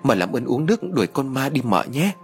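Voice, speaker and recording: A man's voice: medium pitch, very animated, brisk, soft background music, close to an everyday voice. A man voicing a timid young servant girl who pleads in fear. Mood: pleading. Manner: frightened, pleading.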